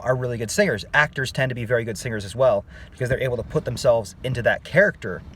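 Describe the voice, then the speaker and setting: A voice teacher explains singing technique in a relaxed, conversational online lesson, regularly asking viewers "okay?" and calling them "guys." His voice is at an ordinary middle pitch, with a faint noise running under the recording.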